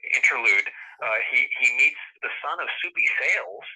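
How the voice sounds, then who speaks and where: A middle-aged man, a guest author, telling a long story in a casual interview, animated and chuckling, often restarting his sentences. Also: mid-range voice, normal speed, low-quality recording.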